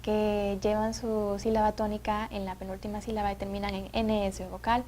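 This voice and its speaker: A woman's voice: mid-range voice, little pitch movement, normal speed, warm tone, a little hiss or hum. Woman hosting an educational show. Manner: attentive, frequent "ujú" backchannels, guides segments. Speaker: TV program host. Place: TV studio.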